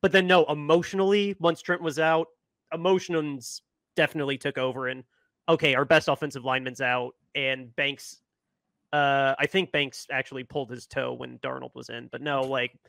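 A man's voice: medium pitch, steady tone, normal speed, creaky, a bit bright, no room sound. A man co-hosting a casual sports podcast, pushing back in a hedging way with the filler "no". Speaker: podcast co-host.

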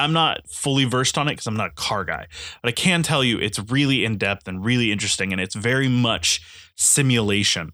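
A man's voice: on the low side, bright, forceful tone, no room sound, studio quality. A congested man giving a casual spoken game review, eager and rambling, with many restarts. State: congested, stuffy nose.

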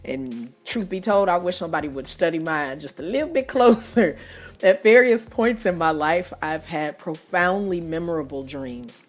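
A woman's voice: fairly low pitch, moderate pace, faint music behind. A woman, hosting a solo podcast in a chatty, self-mocking way. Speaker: podcast host.

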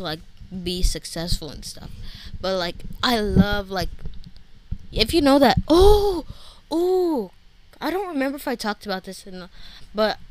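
A woman's voice: medium pitch, slight background noise, low-quality recording. Breathless rambling woman podcaster. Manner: scattered, many fillers and restarts. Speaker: podcast host. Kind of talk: rambling solo podcast chat.

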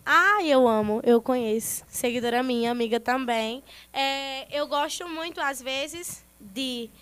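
A woman's voice: high-pitched, unhurried, fairly bright tone, clear, resonant tone. A woman, a dancer talking as a guest on a podcast in an informal, chatty way. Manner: informal, chatty, self-described nervous. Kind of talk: casual interview chat.

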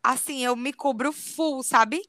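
In a dry, studio-quality recording, a young woman speaks slowly in a high-pitched voice. Co-hosting a casual podcast, she animatedly tells a spooky story and swears it's true.

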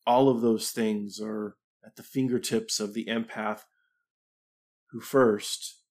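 Middle-aged male livestream host, deep-ish and unhurried, reflective, full of ums and restarts. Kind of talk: casual livestream talk.

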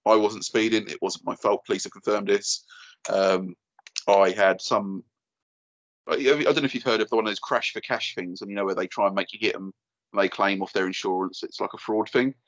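Fast-talking Essex man in his thirties. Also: on the low side, fairly even intonation, dull audio. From Essex, England. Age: 30s. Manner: blokey, informal, slangy. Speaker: podcast guest and YouTuber. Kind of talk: casual chat, telling an anecdote.

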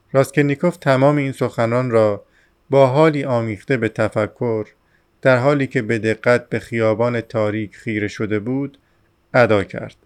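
Measured male audiobook narrator, resonant voice. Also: mid-range voice, clean tone. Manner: steady, measured reading. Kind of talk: scripted novel narration.

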